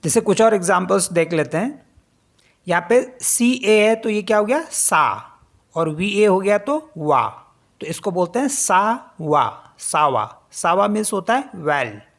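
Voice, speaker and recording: A woman teaching a French pronunciation lesson in Hindi mixed with English, spelling each word letter by letter and repeating it slowly. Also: mid-range voice, sing-song. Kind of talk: spoken language lesson.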